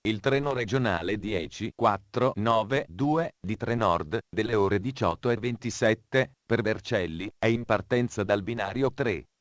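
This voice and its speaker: A man delivers train station announcements in a formal, measured manner. His voice sits low. The recording is dry, with no room sound. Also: dry recording.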